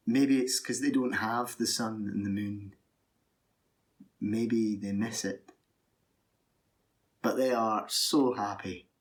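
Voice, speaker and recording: A man telling a first-person fairy tale in a lively, animated way, full of wonder. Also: mid-range voice. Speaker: storyteller.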